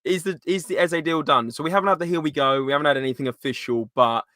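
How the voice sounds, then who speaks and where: A man's voice: on the high side, animated, quick pace, sharp tone, dry recording. Man, dry close sound. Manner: informal, matey slang. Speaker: live stream host. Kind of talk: casual live football fan chat.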